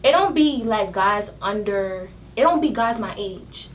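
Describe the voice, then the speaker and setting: A woman's voice: medium pitch, unhurried. A young woman, a podcast guest telling stories in slangy, laughing casual chat. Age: young adult. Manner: animated storytelling full of slang and laughter. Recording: distant mic with faint room noise.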